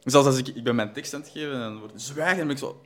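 A man's voice: medium pitch, racing. A young actor with a Flemish accent, chatting casually and hesitating as he searches for words. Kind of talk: casual chat.

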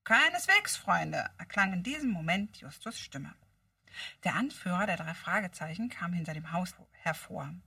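A woman reading a children's book aloud as a guest, animated and friendly. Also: lowish voice, normal speed, breathy edge, no echo, studio quality. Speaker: guest reader. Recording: distant mic.

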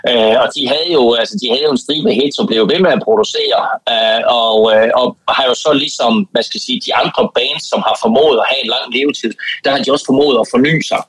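A man's voice: mid-range voice, few pauses, fairly bright tone, breathy edge, no room sound, rough recording. A man from Denmark chatting casually as a podcast guest, talking like an enthusiastic fan and repeating words for emphasis. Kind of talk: casual chat.

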